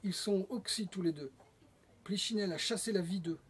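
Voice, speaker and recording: High, husky man reading a novel aloud. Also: normal speed. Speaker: reader. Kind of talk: reading literary fiction aloud. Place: bookshop, indoors.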